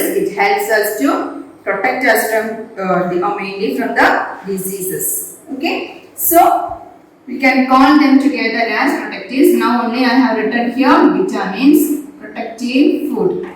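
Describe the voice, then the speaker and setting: A woman teaching a class at a board, repeating her points and quizzing the students. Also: fairly high pitch. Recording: echoey room voice from far off.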